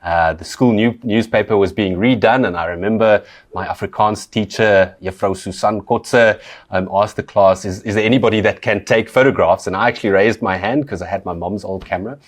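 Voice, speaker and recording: A South African man hosting a podcast, chatting in a relaxed, conversational way with frequent fillers. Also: on the low side, brisk. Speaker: podcast host. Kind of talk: casual podcast chat.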